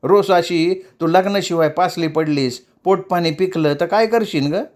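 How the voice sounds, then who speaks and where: A man's voice: sits high, normal speed, pitched above the performer's own voice, natural voice. A man voicing an older mother who runs a tamasha troupe, scolding bluntly in rural dialect.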